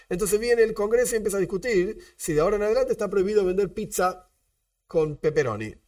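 An Argentine man teaches a religious lesson as a rabbi, his fairly high voice leaping up and down as he fires off rhetorical questions. He keeps stopping to repeat his disclaimers. The sound is dry and picked up from a little way off the mic. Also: a little mellow, no room sound, far from the mic. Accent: Argentine Spanish.

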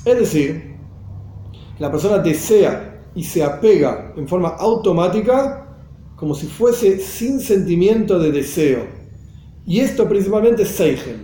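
Male teacher, high mellow voice, patient explainer, echoey room. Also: animated, unhurried. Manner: explanatory, repeats phrases, mixes in Hebrew and Yiddish terms. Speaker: Torah teacher.

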